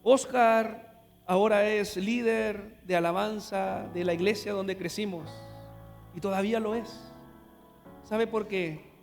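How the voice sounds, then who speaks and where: High-voiced Honduran preacher in echoing church. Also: male voice, steady tone, slow, creaky. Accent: Honduran Spanish. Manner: storytelling, swings from hushed to loud exclamations. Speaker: pastor. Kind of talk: sermon. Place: large church hall. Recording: live church hall reverb with music.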